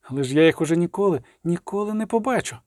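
A man reading aloud and voicing a quick, chattering young girl. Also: high voice, expressive, a little mellow, no echo, studio quality. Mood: despairing. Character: young girl, brisk, hiding her fear.

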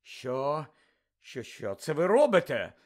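A man's voice: very high voice, wildly swooping pitch, drawn-out words, fairly bright tone, voice pushed up, exaggerated voice. A man voicing a stern, strict older woman professor who squeals shrilly. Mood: shocked.

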